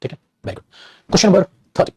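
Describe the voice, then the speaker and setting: Male grammar teacher, mellow slightly high voice, dry close sound. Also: no room sound. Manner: calls students "beta", reads sentences slowly. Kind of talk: exam error-spotting lesson.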